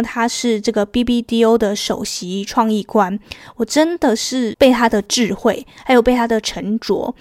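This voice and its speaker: A woman's voice: on the high side, darkish tone, dry recording, studio quality. A woman with a Taiwanese Mandarin accent hosting a casual solo podcast, chatty and storytelling, with many fillers. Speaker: podcast host.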